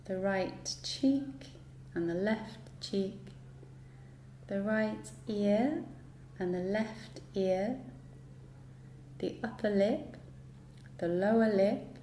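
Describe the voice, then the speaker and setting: Guiding a yoga relaxation session, a woman speaks in a medium-pitched voice that is dark-toned and mellow. Her instructions come calmly and unhurriedly, separated by lengthy pauses, and the recording has a roomy echo with faint noise underneath.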